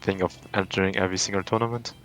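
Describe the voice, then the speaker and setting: A man's voice: low voice, fairly even intonation, very fast, a bit bright, soft background music. A man with a French accent, answering interview questions in a casual, thoughtful way with frequent restarts and fillers. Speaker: tournament champion guest.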